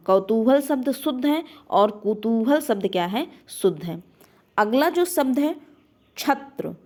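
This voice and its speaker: A woman teaching a grammar lesson for exam preparation. She asks a question, then answers it herself, and repeats key words slowly. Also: fairly high pitch, darkish tone.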